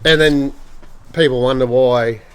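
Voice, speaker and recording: An Australian man with an average-pitched voice. He hosts in a casual, blokey way, chatting with plenty of slang. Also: steady tone, measured pace, clean tone. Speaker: podcast host. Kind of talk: casual chat.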